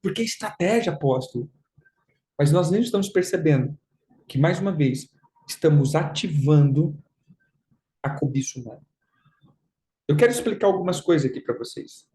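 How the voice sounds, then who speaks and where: A man's voice: fairly high pitch, expressive, normal speed, pauses often, mellow. A man gives a conversational sermon as a pastor, emphatic and repeating his phrases. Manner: emphatic, repeats phrases, mocks with put-on quotes. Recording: roomy echo.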